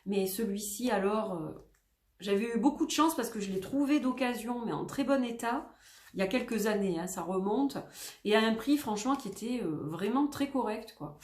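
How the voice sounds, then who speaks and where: A woman's voice: fairly high pitch, animated, normal speed, a little mellow, roomy sound. A woman with a French accent chatting casually as she shows her tarot decks, rambling with many fillers and self-corrections. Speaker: tarot vlogger.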